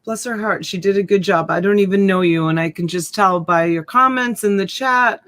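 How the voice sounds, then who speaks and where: On a laid-back live stream, a woman in her fifties chats and rambles with her viewers, reading their comments as she goes. She works as a reseller host and uses a USB desk mic, with a mid-range, slightly bright voice at a moderate pace.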